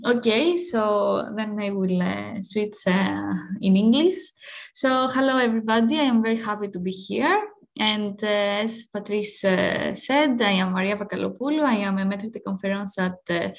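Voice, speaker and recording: A woman from Greece with a Greek accent, giving an academic talk over a video call, careful and searching for words. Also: medium pitch. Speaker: guest lecturer.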